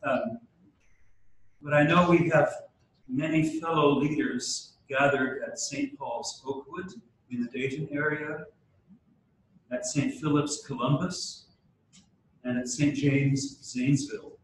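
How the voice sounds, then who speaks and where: A man leading a church gathering, speaking formally and praying in a measured way, with a cathedral echo around his voice. He sometimes stumbles into halting restarts. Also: a little high, fairly even intonation, a bit bright, a little hiss or hum. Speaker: church leader opening a diocesan meeting. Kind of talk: formal address and liturgical prayer. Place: large church hall. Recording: cavernous church echo from a distant mic.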